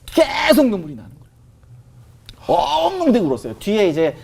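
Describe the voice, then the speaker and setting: A man sharing a personal testimony in conversation, telling it in an animated way with many fillers. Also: high voice, moderate pace, gravelly, a little hiss or hum.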